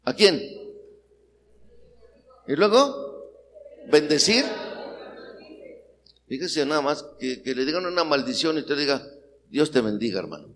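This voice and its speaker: A man's voice: a little high, animated, takes it slowly, long pauses, a bit bright. A middle-aged Mexican man preaching a sermon, rousing the congregation with questions, in a Mexican Spanish accent. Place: church hall. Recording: long hall reverb, faint noise.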